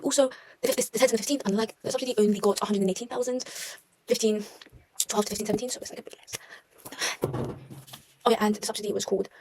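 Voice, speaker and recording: A woman's voice: mid-range voice, fairly even intonation, fast, noisy background. A young woman talking through her history revision notes in a casual, chatty way, often correcting herself and making wry asides. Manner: chatty, self-mocking, trails off and corrects herself.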